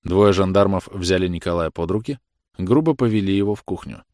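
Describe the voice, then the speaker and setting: A male narrator reads literary prose in a measured, grave manner. His voice is low, and the recording is dry and close with no room sound. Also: darkish tone, no room sound. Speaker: audiobook narrator.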